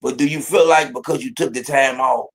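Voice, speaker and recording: A man at a middle pitch hosts a relaxed interview, warm and encouraging. He talks about faith and pads his sentences with "you know what I'm saying", keeping the tone friendly and easygoing. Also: a little fast, low-quality recording. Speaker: podcast host. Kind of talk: casual interview chat.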